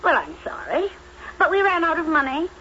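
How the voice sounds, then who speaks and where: Shrill, spoiled stepsister. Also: female voice, big pitch swings, fairly quick. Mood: mocking. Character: spoiled, mocking, flighty fairy-tale stepsister. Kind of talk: children's fairy-tale audio drama acting. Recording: dull lo-fi recording with clear noise.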